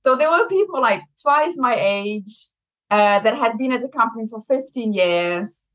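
Her voice is a little high and her pace measured, captured on a low-quality recording. This young Brazilian woman with a German accent, a marketing executive, chats lively as an interview guest and laughs frequently.

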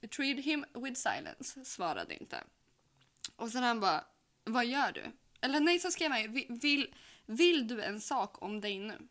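Bright-voiced young woman telling a story. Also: a little high. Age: young adult. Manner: acts out both sides of a chat story, quick and giggly. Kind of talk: casual chat, storytelling.

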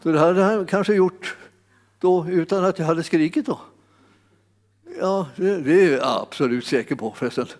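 A man's voice: a little high, darkish tone. En man som predikar med många omtagningar och upprepade ord, som ibland stegras till utrop. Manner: halting, repeats words, rises to exclamations. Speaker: preacher. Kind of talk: sermon. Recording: long hall reverb.

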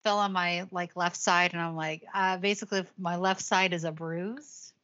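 A woman's voice: lowish voice, fairly even intonation, moderate pace, fairly bright tone, no echo, lo-fi sound. A woman co-hosting a podcast in casual chat, with a wry, self-deprecating way of talking. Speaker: podcast co-host.

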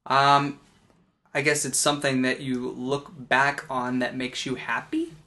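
Bright-voiced young man, dry and wry. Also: mid-range voice, expressive, a little slow. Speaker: podcast co-host. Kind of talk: casual chat.

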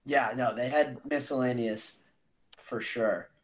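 A man co-hosting a podcast, chatty in casual sports talk, quick with asides. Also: medium pitch, steady tone. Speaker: podcast co-host.

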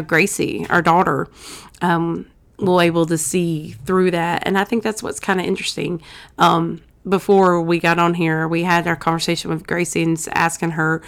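A woman's voice: on the low side, steady tone, normal speed. A woman, chatting earnestly as a pastor's wife on a podcast and getting emotional at times. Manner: warm, earnest, gets emotional. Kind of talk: casual chat.

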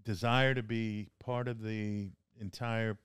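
A man's voice: on the low side, flat delivery, slow, smooth, dry recording, clean studio sound. A man co-hosting a podcast who asks curious questions, laughs often and chats casually. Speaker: podcast co-host. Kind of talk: casual chat.

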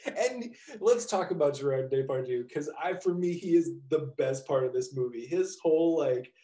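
A man's voice: a little high, expressive, moderate pace, dark tone. Man, casual movie chat, rambling, laughs a lot, swears, roomy echo. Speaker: podcast co-host. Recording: echoey room.

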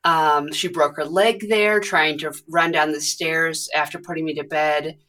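A woman in her thirties from the US Midwest, a podcast guest chatting casually and rambling with many pauses. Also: low-pitched, steady tone, pushed and bright. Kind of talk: casual conversation.

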